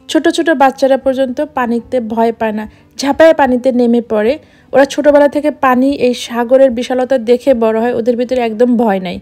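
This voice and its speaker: A woman's voice: high-pitched, dark tone. A woman from Bangladesh, a travel vlogger, narrating a voice-over in a reflective, explanatory way.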